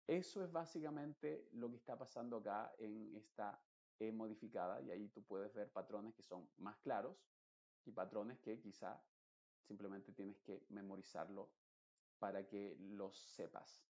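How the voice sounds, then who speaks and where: A man teaching English pronunciation in an online lesson, patiently explaining and repeating example words slowly. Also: lowish voice, mellow, dull audio.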